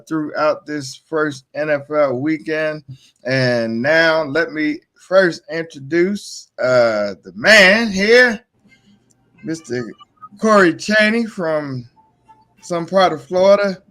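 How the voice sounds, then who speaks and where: Guy hosting a casual live show, kinda high voice, tooth missing up front, slangy banter. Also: fairly bright tone. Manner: colloquial, teasing banter. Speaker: show host. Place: indoors at home.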